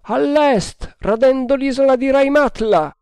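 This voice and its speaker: A man voicing an Indian lookout sailor who shouts his sightings from high on the mast. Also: very animated, slow, no room sound, heavily acted. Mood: shouting. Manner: shouted calls, high and strained.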